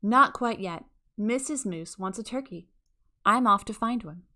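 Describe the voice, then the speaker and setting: A woman plays a kindly bull moose from a children's storybook. He speaks in a bright, forward tone, hearty and coaxing. He is polite but will not be put off. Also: medium pitch, lively intonation, a little slow. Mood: brisk. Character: kindly, determined adult male moose husband.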